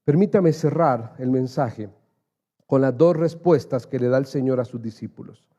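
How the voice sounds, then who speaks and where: A man's voice: medium pitch, moderate pace, dark tone. A male pastor preaching an earnest sermon in church, building to emphatic raised passages and calling his listeners dear brother.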